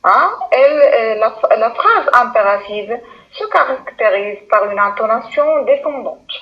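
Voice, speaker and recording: A woman's voice: a little high, lively intonation, unhurried, muffled recording. A woman teaching a lesson to primary school pupils, speaking patiently, repeating words and addressing the class directly.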